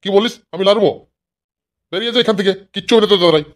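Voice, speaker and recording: A man's voice: sits high, racing, lightly acted. A man voicing a scolding, exasperated father who sells vegetables, in a cartoon. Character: grumpy father, vegetable seller. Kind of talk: cartoon voice acting.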